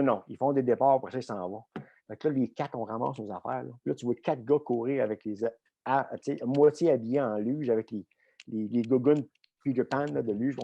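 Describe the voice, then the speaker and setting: A middle-aged man with a Québécois French accent, telling a lively anecdote in a podcast interview, full of fillers and swearing. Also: medium pitch, dull audio. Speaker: guest coach and former Olympian. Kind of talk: casual storytelling in a podcast interview.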